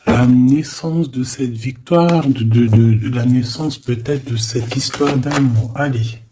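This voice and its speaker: Slow and dark-toned, a man of medium pitch hosts a casual tarot reading he makes up as he goes, with a slight hiss or hum in the audio. He addresses the listener familiarly, stumbling over and repeating phrases and often adding "hein."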